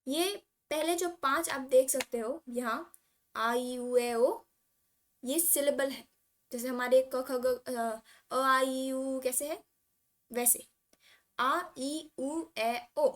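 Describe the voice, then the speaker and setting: A woman from India gives a relaxed language lesson, slipping English words into her speech and slowly reading syllable charts aloud. Her voice is high-pitched.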